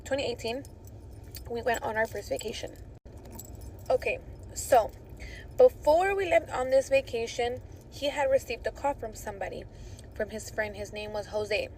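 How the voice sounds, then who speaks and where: A woman telling a storytime about her ex in a conversational way, pausing to correct herself. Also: fairly high pitch, a little hiss or hum, rough recording. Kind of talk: casual storytime vlog.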